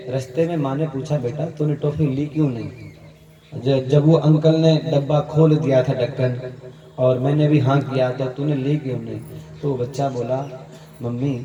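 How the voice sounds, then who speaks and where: Telling stories in a Hindi katha, a preacher with a warm, medium-pitched voice performs the characters' dialogue and chuckles along with the crowd. The muffled recording was made in an echoey hall on a distant mic, with faint ambience.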